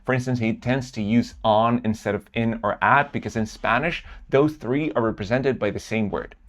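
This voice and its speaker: A man with an average-pitched voice presents a lesson. He narrates in an explanatory style, as a teacher of pronunciation would. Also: moderate pace.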